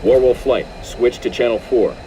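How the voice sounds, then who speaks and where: A man's voice: medium pitch, normal speed, background noise. An actor playing a terse male military air controller, giving clipped orders over a military radio in a video game. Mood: commanding. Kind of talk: video game cutscene voice acting.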